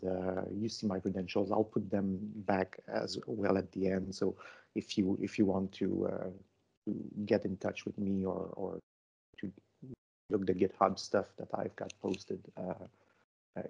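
A gravelly, low, mellow-voiced man from Canada, whose first language is French, presents at a conference online. He speaks haltingly, full of fillers and restarts, through a video call microphone that gives dull lo-fi audio.

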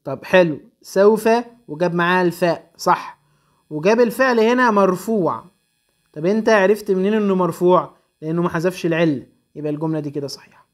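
A young man with an Egyptian accent, teaching an Arabic grammar lesson and working briskly through exam exercises, slowing to stress each answer. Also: sits high. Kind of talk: recorded exam-prep lesson.

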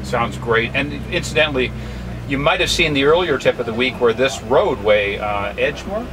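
A man's voice: medium pitch, animated, normal speed, background noise. A middle-aged American man hosting in a casual, chatty, enthusiastic and emphatic way. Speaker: host.

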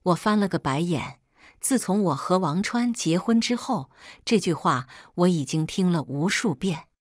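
Low-voiced woman narrating a story. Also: animated, normal speed, dry recording, studio quality. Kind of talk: scripted first-person story narration.

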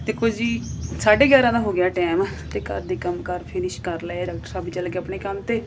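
A woman's voice: fairly low pitch, fairly even intonation, fairly quick, background noise. A woman in her thirties from Punjab with a Punjabi accent, talking casually to her vlog viewers in a plain-spoken, scolding way. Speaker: vlogger.

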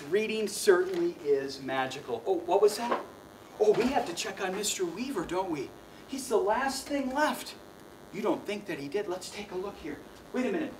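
A man's voice: high-pitched, far from the mic, a little hiss or hum, low-quality recording. A young adult man performing a children's magic show, with playful, mock-flustered showman patter aimed at the kids.

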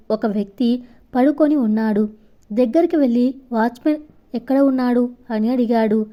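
Woman narrating a story, dull lo-fi. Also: a little high.

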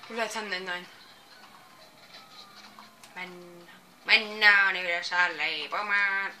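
A woman doing let's-play game commentary, excitable, shouting commands and exclamations at the game. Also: lowish voice, a little hiss or hum. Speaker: gameplay commentator.

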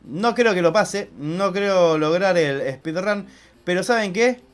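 A young man with an Argentine accent hosting a casual let's-play, chatty and excitable, swearing loudly when he fails. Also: high-pitched, takes it slowly, soft background music. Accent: Argentine Spanish. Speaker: gaming channel host.

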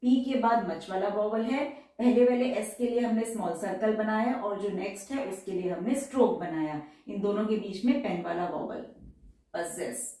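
A woman teacher works through shorthand exercises step by step and slowly repeats each example word. Her tone is dark and mellow. She sits away from the mic in a strongly echoing room. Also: mid-range voice, recorded from a distance. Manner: slow, careful repetition of example words. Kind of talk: step-by-step tutorial.

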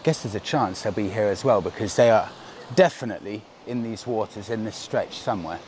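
A travel vlogger in his thirties chats enthusiastically to camera while touring a seaside village and cafe, speaking in a fairly low pitch at a brisk pace. It's a casual travel vlog recorded outdoors on a seaside promenade and inside a cafe, using a clip-on lapel mic.

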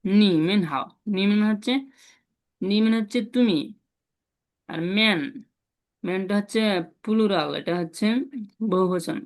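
A man teaching a Chinese class online. He repeats syllables slowly and asks his students questions as he goes. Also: sits high. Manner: drills syllables slowly, repeating them often.

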